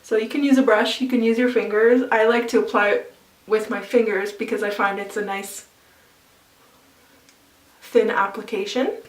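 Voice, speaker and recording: A woman chats her way through a makeup tutorial, relaxed and explanatory, pausing with small fillers as she works. Her voice sits at a middle pitch. It is recorded in an echoey room from a little distance off the mic. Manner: chatty, explains while applying, with fillers. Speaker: makeup vlogger.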